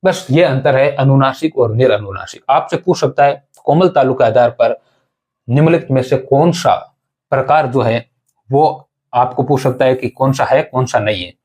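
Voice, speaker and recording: A man's voice: medium pitch, normal speed, darkish tone. A man with an ordinary mid-range voice teaches an exam-prep grammar lesson. He talks his students through each point and repeats it. He poses a question and answers it himself. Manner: explanatory, repeats and asks rhetorical questions, addresses students as companions.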